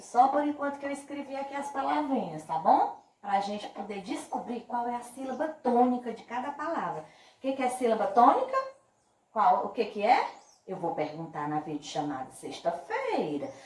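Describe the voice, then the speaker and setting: A Brazilian Portuguese-speaking woman teaching a primary school class by video, drawing out each word slowly and speaking with affectionate diminutives. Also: medium pitch, roomy sound, distant mic, rough recording. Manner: slow, drawn-out emphasis on words. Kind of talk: remote class video lesson.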